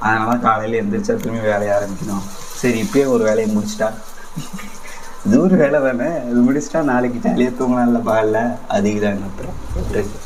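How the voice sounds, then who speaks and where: A man's voice: on the low side, steady tone, a little fast, slight background noise, poor audio. A man in a casual couple vlog, insistent and teasing as he pranks his partner in a home kitchen at night.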